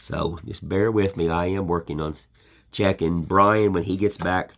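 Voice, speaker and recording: A man's voice: deep voice, fairly even intonation, normal speed, slight background noise. An older American man with a folksy, plainspoken way of talking, rambling in a casual chat while he shows his woodcarving. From United States. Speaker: woodcarving channel host.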